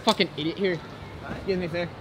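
A man's voice: high voice, fairly even intonation, a little fast, a crowd in the background. A young man hosting a casual vlog from inside a vehicle, laid-back and joking, laughing often. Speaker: vlogger host.

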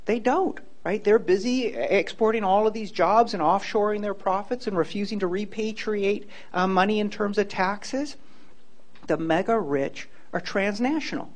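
A Hawaiian law professor with a high voice delivers a public lecture followed by Q&A in a large indoor hall, using a handheld mic. Earnest and emphatic, he tends to repeat words whenever he begins a new point.

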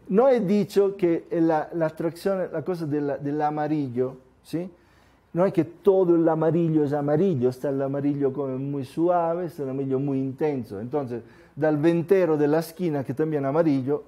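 Guy giving a talk, kinda high but mellow voice, keeps going "sí o no?". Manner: lively, asks the audience rhetorical questions; acts out examples with small voices. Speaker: lecturer. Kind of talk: live lecture to an audience.

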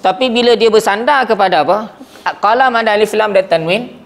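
High-voiced male classroom teacher. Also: a little fast. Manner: lively, often checks "okey?" with the class. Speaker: Arabic grammar teacher. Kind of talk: classroom lecture.

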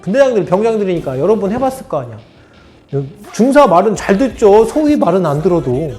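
A man's voice: high voice, a little fast, faint music behind. A man, a former army officer, telling a story from his service and acting out what others said. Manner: animated, acts out dialogue of others.

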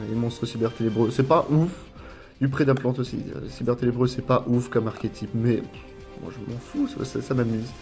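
A French YouTuber with a medium-pitched, darkish voice casually comments while unboxing a trading card collection. He rambles and repeats words as he lists the card names.

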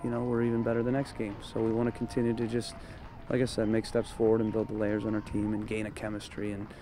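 Coach talking after a night match. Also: male voice, lowish voice, monotone, dark tone, a little hiss or hum. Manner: thoughtful, measured, frequent fillers. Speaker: head coach. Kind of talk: postgame interview. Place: outdoors at a training field at night. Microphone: handheld interview mic held close.

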